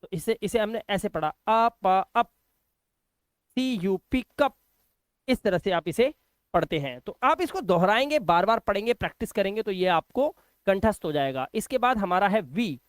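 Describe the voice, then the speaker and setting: A man's voice: high voice, lively intonation, normal speed, no room sound. A man teaching a phonics lesson, patiently spelling words out letter by letter and repeating them.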